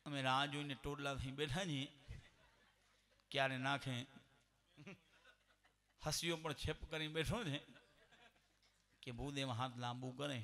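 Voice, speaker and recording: A man's voice: medium pitch, steady tone, a little slow, pauses often, bright, forceful tone. A man with a Gujarati accent telling jokes and stories on stage as a live comedian, talking straight to the audience. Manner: storytelling with quoted dialogue, addresses audience directly. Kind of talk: live stand-up joke telling.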